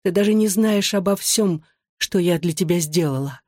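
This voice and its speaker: A reader voicing the ghost of an older sister, speaking softly and hoarsely with pleading reproach, read as an audiobook. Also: medium pitch, normal speed, no echo, clean studio sound, close to an everyday voice. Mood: tender. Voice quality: soft, hoarse. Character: anguished ghost of an older sister, bleeding and desperate. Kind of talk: audiobook reading.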